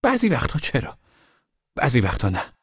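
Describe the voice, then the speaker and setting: A guarded teenage boy who lives up in the trees, as a man reading the book puts him on. He answers in curt, clipped lines, raised well above a deep reader's own voice and a touch husky. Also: wildly swooping pitch, a bit bright, dry recording, studio quality, heavily acted.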